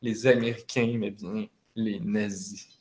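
A man's voice: on the low side, fairly even intonation, measured pace, darkish tone. A man with a Quebec French accent, rambling casually through a video game's story with many fillers. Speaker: gamer recounting a video game. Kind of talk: casual chat.

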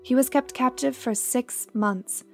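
A woman's voice: high-pitched, a little slow, creaky. A woman podcast host reading scripted news narration. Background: faint music.

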